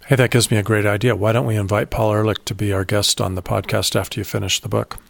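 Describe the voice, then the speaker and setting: A man hosting a podcast, talking in a steady, matter-of-fact, explanatory way. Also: fairly low pitch, quick pace, gravelly, no room sound. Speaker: podcast host. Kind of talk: casual podcast chat.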